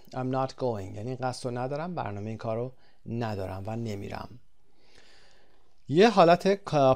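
A man teaching an English grammar lesson. He explains quickly, then reads his English examples slowly and deliberately, pausing on thinking fillers as he goes. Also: mid-range voice, a little mellow.

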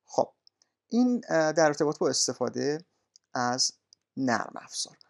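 A male language teacher walking students through course materials in a polite, formal way, often pausing with "uh". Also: fairly high pitch, very animated, creaky. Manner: polite, formal, with frequent "uh" pauses. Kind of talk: recorded course walkthrough.

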